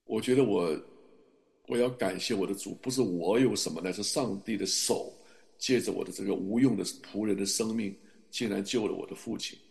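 Middle-aged man, pastor, sermon, low voice, gravelly, earnest and fervent. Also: normal speed, a little mellow. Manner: earnest, confessional, rising to fervent emphasis. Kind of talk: sermon with personal testimony.

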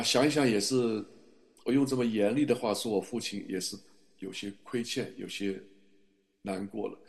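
A man's voice: lowish voice, a little mellow. A middle-aged man preaching a sermon and telling a personal testimony in an earnest, confessional way that rises to fervent emphasis. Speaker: pastor.

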